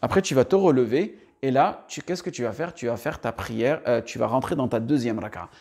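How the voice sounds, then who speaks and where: A man's voice: medium pitch, expressive, fairly quick, a little mellow, breathy edge. A man teaching prayer steps one by one, talking straight to the listener with frequent "d'accord" and "très bien" check-ins. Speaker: religious teacher. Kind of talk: step-by-step prayer instruction.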